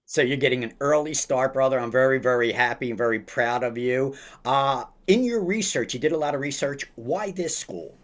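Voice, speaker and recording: A man hosting a podcast interview over a video call, speaking slowly and emphatically, with lots of encouraging praise. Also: medium pitch. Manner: slow, emphatic, upbeat delivery with drawn-out phrases; repeats praise like a mentor. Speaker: podcast host.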